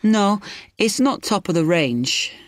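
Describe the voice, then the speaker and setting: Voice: mid-range voice, animated, slow, dry recording. Helpful electronics shop assistant, scripted role-play, voiced by an actor, explanatory delivery, very dry close sound. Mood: helpful, informative.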